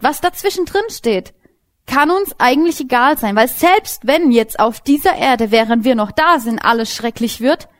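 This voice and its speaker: A young woman giving an informal sermon as a Bible teacher, lively and casual, speaking directly to her listeners. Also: fairly high pitch.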